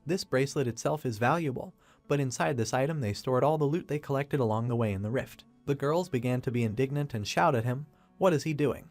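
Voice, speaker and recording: A man reading a comic story recap as scripted narration, in a steady, even storytelling read. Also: medium pitch, quick pace. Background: faint background music.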